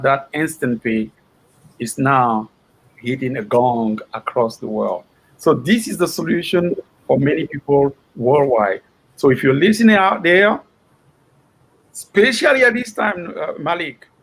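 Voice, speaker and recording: A man's voice: a little high, low-quality recording. A man from Cameroon promoting a company on a panel, emphatic and repetitive. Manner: emphatic, repeating phrases.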